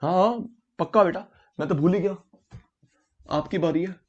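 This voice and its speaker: High-voiced man teaching a lively class. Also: moderate pace, muffled recording. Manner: quizzes students by name, repeats key words; mixes English terms into Hindi. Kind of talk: online class lecture.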